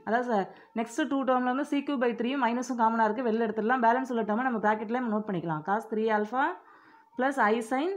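Woman slowly dictating maths formulas. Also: a little high. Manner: slow, deliberate dictation of formulas, step by step. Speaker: maths teacher. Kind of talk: exam-prep maths lesson.

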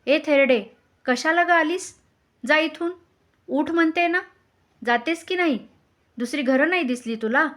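A haughty, arrogant queen, as a woman storyteller puts her on shouts in a raised, high voice. Her tone is contemptuous and sharp. She belongs to a told folk tale. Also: unhurried, pauses often. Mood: scornful.

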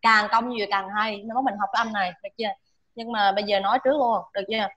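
A woman's voice: mid-range voice, flat delivery, rapid-fire, a bit bright, highs cut off. A woman teacher drilling English pronunciation with a class, repeating each sound for students to echo and checking in often.

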